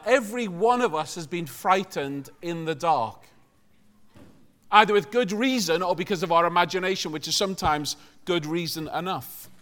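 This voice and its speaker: Preaching to a congregation, a man from Liverpool, England keeps things conversational and jokey, often posing questions to the people listening. He has a high voice with a fairly bright tone.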